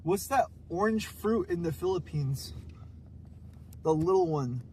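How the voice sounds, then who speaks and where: A man's voice: sits high, expressive, measured pace, darkish tone. A man live streaming in casual, slangy talk, addressing his viewers like buddies. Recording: noisy street and vehicle background.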